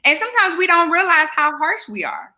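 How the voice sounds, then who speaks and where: A woman in her forties co-hosting a podcast, speaking frankly and personally in animated conversation. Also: very high voice, fairly quick. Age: 40s. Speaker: podcast co-host. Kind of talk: candid conversational chat.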